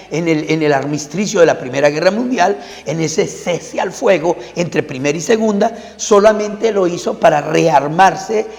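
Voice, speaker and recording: A man's voice: fairly high pitch, darkish tone. A male pastor preaching a sermon in a lecturing way, asking rhetorical questions and answering them himself. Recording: long hall reverb.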